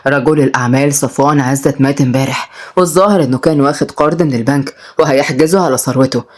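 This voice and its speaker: A woman voicing a blunt middle-aged father, an engineer, in a lowered voice. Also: quick pace.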